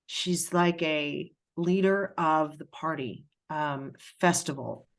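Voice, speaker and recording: A middle-aged woman with a low voice gives a spiritual reading as a medium. She speaks haltingly, pausing often and filling gaps with "um," and grows emotional as she relays what she senses.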